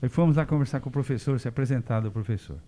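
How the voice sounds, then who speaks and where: An older Brazilian man from the interior of São Paulo, a physician telling lively stories as an interview guest and acting out the dialogue. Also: medium pitch, racing. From Catanduva, São Paulo state, Brazil. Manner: lively anecdotes, acts out quoted dialogue. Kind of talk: casual storytelling.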